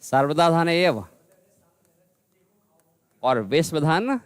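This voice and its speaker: A man teaching a grammar lesson, repeating words slowly and calling his students "bhai". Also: fairly high pitch, animated, smooth, no echo. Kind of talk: classroom lesson.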